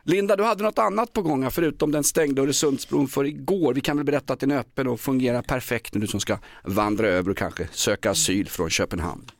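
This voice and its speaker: A man's voice: medium pitch, creaky, hardly any pauses, no echo. A man co-hosting a casual morning radio show, joking and teasing his co-hosts. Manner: jokey, teasing banter. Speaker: radio host.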